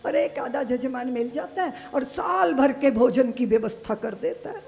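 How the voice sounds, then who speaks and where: High-voiced woman telling a devotional story. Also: normal speed, vocal fry. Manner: animated, dramatic, acts out voices. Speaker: katha storyteller.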